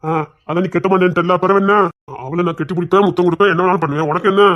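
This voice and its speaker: A man's voice: high-pitched, fairly even intonation, racing, muffled recording, close to an everyday voice. A man acting a playful, teasing young man in a comic romance drama, stammering and joking in a Tamil accent. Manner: teasing, stammering, mock-crying.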